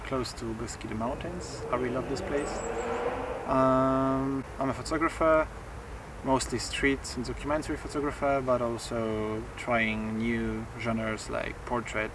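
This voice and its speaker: A man from southern Poland with a Polish accent, a photographer talking haltingly in an interview, often restarting words. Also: mid-range voice, level tone. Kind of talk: interview talk. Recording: distant mic with clear background noise.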